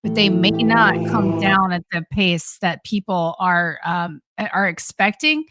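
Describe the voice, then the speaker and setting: A woman commenting on a live stream in a measured, halting way with frequent restarts. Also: medium pitch, over loud music. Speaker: co-host, commentator.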